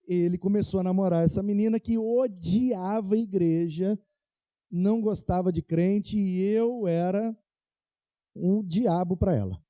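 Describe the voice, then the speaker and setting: A man's voice: sits high, unhurried, dry recording. A young Brazilian man preaching as a pastor, telling playful anecdotes and acting out the dialogue. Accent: Brazilian Portuguese. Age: young adult. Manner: animated anecdotes, playful, acts out quoted dialogue. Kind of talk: storytelling sermon.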